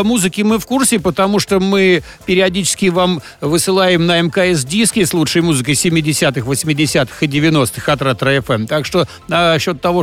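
A man hosting a live radio interview in a jocular, conversational manner. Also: on the high side. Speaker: radio show host.

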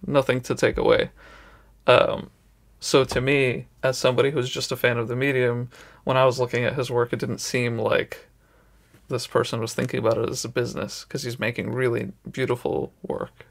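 A man's voice: mid-range voice, flat delivery, normal speed, gravelly. A man hosting an interview in casual chat, rambling with lots of "like" and "you know", often laughing. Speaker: podcast host.

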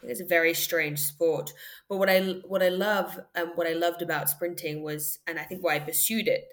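A woman's voice: on the low side, steady tone, moderate pace. A young adult woman who grew up in Australia, a former sprinter talking as a podcast guest, thoughtful and full of ums and restarts. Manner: thoughtful, frequent ums and restarts, light laughter. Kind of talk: reflective conversational interview.

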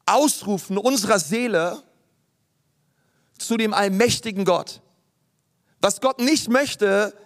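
A pastor giving a passionate sermon in casual, youthful wording, his voice rising when he speaks heartfelt prayers. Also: high voice. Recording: long hall reverb.

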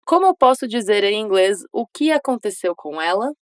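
A woman giving a scripted English lesson, modeling phrases slowly and encouraging the listener to repeat. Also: mid-range voice, lively intonation, clean tone, no room sound. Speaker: English teacher.

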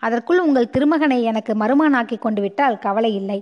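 A woman's voice: fairly high pitch, fairly quick, natural voice. Indignant royal matriarch, commanding, lo-fi audiobook; woman narrator voices her. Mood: scheming. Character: proud middle-aged queen, quick to anger.

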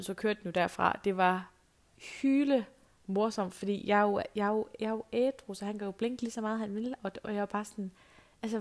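A middle-aged woman hosting a talk show, telling a casual anecdote in a chatty way with lots of fillers. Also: medium pitch. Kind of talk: casual storytelling monologue.

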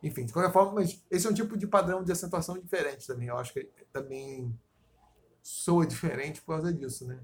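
A man's voice: on the high side, brisk. A Brazilian man co-hosting a casual podcast, rambling, swearing freely and drifting into talk about poetic meter. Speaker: podcast co-host. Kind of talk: casual chat.

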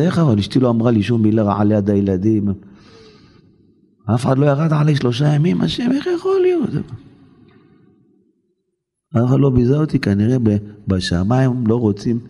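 A rabbi giving a dramatic sermon, quoting texts with sweeping rises and slowed emphasis. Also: male voice, mid-range voice, lively intonation, warm tone, breathy edge. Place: synagogue hall. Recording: long hall reverb.

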